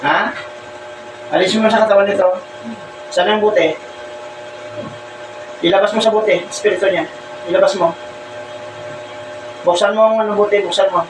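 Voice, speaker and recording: A man's voice: high-pitched, fairly even intonation, moderate pace, pauses often. A man acting as a folk healer who questions someone during a healing ritual, repeating short demanding questions again and again. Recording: echoey, distant, with loud ambient noise.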